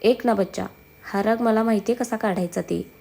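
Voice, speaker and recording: A woman's voice: on the high side, moderate pace, vocal fry, warm tone. A woman voicing a sulking, teasing young husband who speaks affectionately to his wife. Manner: playful, affectionate, calls wife baby.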